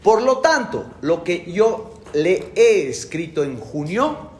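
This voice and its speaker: A man's voice: high-pitched, big pitch swings, slow pace, reverberant, slight background noise. A middle-aged man giving a classroom lecture in a colloquial, emphatic way, repeating his key phrases. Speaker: university lecturer.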